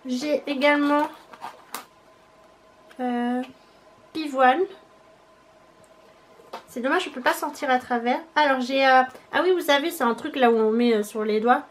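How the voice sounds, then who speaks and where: High-voiced chatty woman vlogger. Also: unhurried, pauses often, slight background noise. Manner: chatty, hesitant, thinking aloud. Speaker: beauty vlogger. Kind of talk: casual unboxing chat.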